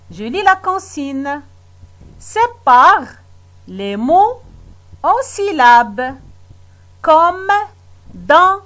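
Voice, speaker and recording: Slow, lively-voiced woman teaching children. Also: sits high. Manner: slow, patient, praising and questioning. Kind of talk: children's phonics lesson.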